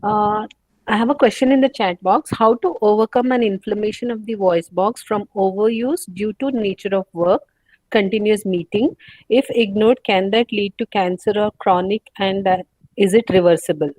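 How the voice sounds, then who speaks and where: A woman moderates an online talk and reads questions from the chat in a plain, measured way. Her voice is dry and close, with no room around it. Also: medium pitch, a little mellow, dry recording, low-quality recording. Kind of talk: reading audience questions.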